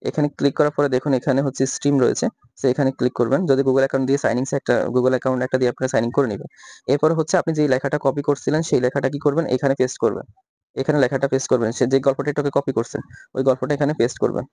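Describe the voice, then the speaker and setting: Man, rapid step-by-step tutorial, dry close sound. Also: mid-range voice, steady tone, warm tone, dry recording. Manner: repetitive step-by-step instructions, rhetorical questions. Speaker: tutorial host. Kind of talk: screen-recorded software tutorial.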